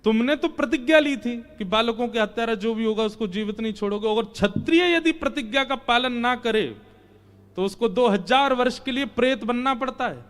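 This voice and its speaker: A man voicing a divine male god in a storytelling sermon, coaxing and lively as he questions and teases. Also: high voice. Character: divine male god, playful and guiding, teasing.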